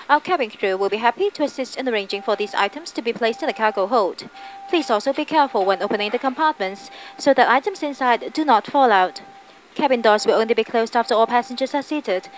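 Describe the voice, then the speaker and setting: A woman's voice: on the high side, slight background noise, poor audio. A woman reads a scripted airline cabin safety announcement in a formal, fluent manner.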